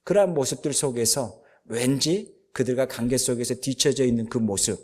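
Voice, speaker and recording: Korean pastor retelling a story in a sermon. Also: male voice, medium pitch, moderate pace, a little mellow. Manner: storytelling, retelling a film with fillers.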